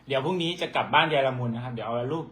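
A man's voice: medium pitch, racing, a bit bright. A man with an Isan Thai accent, a doctor, chatting casually and bickering back with his partner. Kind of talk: casual couple chat.

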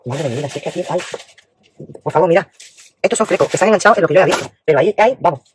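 A woman with a Spain Spanish accent chatting casually as she unboxes a craft parcel, exclaiming and often dropping to a hushed murmur. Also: lowish voice, expressive, rapid-fire, a little hiss or hum. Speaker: craft vlogger.

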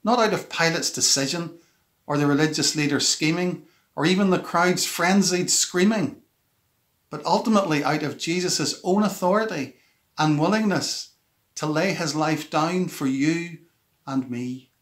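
Male minister, slightly high voice, measured solemn scripture reading for a devotional. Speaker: church minister.

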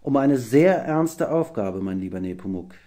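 A man voicing a calm, wise adult male engine driver in an audiobook reading, speaking deliberately and thoughtfully. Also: mid-range voice, close to an everyday voice. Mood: serious. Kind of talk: audiobook character voice.

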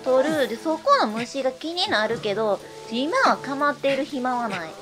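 A woman with a Kansai accent giving live gameplay commentary, excitable, calling out her own moves and repeating words as she plays. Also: high voice, moderate pace. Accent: Kansai Japanese. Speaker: let's-play streamer. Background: game music.

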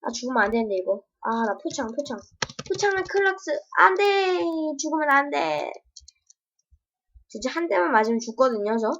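A woman's voice: a little high, sing-song, fairly quick. A woman demoing her own game with casual, playful commentary, full of sound effects and yelps. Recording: dull lo-fi home recording.

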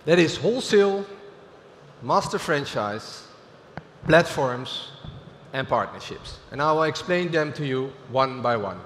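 A man's voice: on the high side, expressive, fairly bright tone, a little hiss or hum. Dutch-accented man in a reverberant hall. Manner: halting, with frequent fillers and restarts. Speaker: keynote speaker. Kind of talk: business keynote presentation. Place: large conference stage. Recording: reverberant hall with faint ambience.

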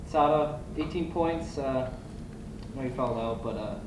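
A man asking questions at a press conference, halting and restarting his sentences. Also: mid-range voice, far from the mic. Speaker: reporter. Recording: echoey room, off-mic, noisy.

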